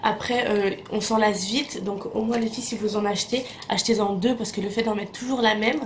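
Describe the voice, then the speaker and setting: A woman's voice: mid-range voice, fairly even intonation, a little fast, slight background noise. A young woman from Morocco chatting casually through a beauty product review, full of fillers and repeated words. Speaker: beauty vlogger.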